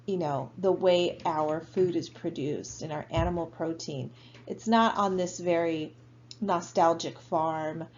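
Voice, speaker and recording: A woman gives a recorded geography lecture from home, speaking in a low-pitched, conversational way full of fillers and "right?" checks. The sound is a little muffled and dull. A faint background hiss sits under her voice. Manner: casual and conversational, many fillers and tag questions. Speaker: college geography instructor.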